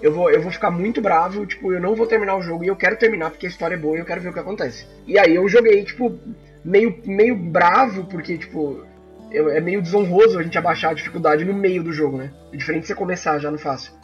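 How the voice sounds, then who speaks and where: A man, co-hosting a casual chat about video games, animated and full of restarts. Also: high-pitched, fast talker, soft background music. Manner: animated, frequent fillers and restarts. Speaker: podcast co-host. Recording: slightly dull lo-fi sound.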